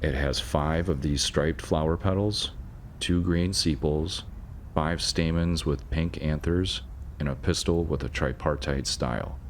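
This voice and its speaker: A man with a strikingly low, deep voice narrates an educational nature video at an even, measured pace. His delivery is scripted and informative, with the occasional dry aside. A faint hiss sits under the voice-over.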